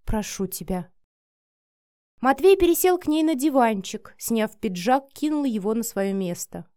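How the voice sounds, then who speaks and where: A woman narrating an erotic audiobook in a soft, sensual, measured voice. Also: fairly high pitch, expressive, clean tone, no room sound, studio quality. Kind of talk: reading an erotic story aloud.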